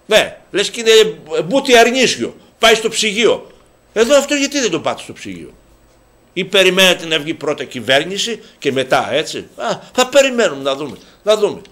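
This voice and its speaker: Man, indignant sports rant, sarcastic, lively up-and-down pitch, fairly high voice. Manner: indignant, sarcastic, swears, many restarts and fillers. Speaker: local TV sports show host. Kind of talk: heated football commentary monologue.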